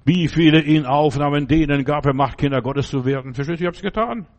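Man, preacher, sermon, fervent, emphatic, addresses the listener, slightly high-pitched. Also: a little fast, a little mellow. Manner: speaks to the listener directly with repeated questions.

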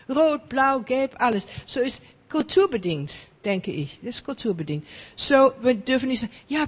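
A woman preaching a sermon in lively, chatty talk, often checking in with her listeners, with slightly broken grammar. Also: mid-range voice, husky, in a large hall.

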